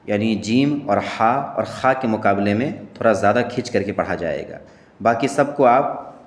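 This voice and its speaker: Male teacher, lowish voice, patient letter-by-letter recitation, long reverb in an echoey room. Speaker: Quran reading teacher. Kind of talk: beginner Arabic letter lesson.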